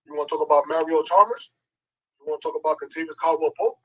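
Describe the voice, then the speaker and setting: A man's voice: on the high side, quick pace, fairly bright tone, muffled recording. A man calling in to argue about basketball, his voice sounding distant because he holds the phone away from his mouth. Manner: argumentative, repeats himself. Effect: phone held away from the mouth, sounds distant. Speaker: caller. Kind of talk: heated sports debate. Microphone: phone call.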